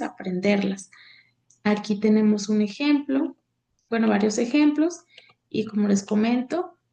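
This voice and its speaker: A woman teacher, reading grammar slides aloud in a halting way with many fillers. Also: mid-range voice, gravelly, dark tone. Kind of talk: slide lecture on accent rules.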